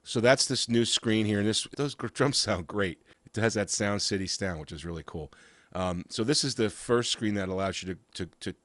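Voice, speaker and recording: A man with a cold and a raspy voice, walking through software in a casual, halting way with frequent uhs and restarts. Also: on the low side, slight background noise. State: has a cold. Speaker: software reviewer. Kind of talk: casual screen-share walkthrough.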